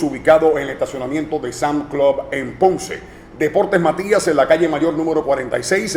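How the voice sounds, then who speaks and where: At a restaurant, a Puerto Rican sports show host runs an interview segment, punching out each sponsor name ad-style before moving to halting English questions. His voice is a bit high with a darkish tone and a Puerto Rican Spanish accent. The sound is roomy, with faint background noise.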